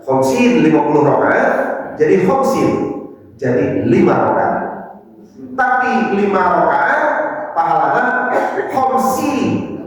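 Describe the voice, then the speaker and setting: A man with a Sundanese accent gives a lively mosque sermon, putting questions to his listeners and breaking into chanted verses. His fairly high voice rings through a large hall with long reverb. He sits some distance from the microphone. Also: a little slow, long pauses. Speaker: preacher. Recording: echoey mosque hall, mic far off.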